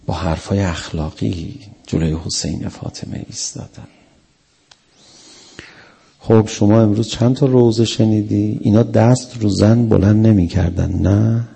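A man's voice: on the low side, creaky, warm tone, breathy edge. A male preacher delivering a mourning sermon, telling the story with emotion and acting out the quotes.

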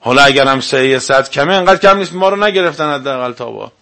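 Male cleric lecturing a congregation; medium pitch, combative, leans on rhetorical questions. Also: expressive, bright, forceful tone. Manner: argumentative, fires rhetorical questions. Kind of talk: religious lecture to a live audience.

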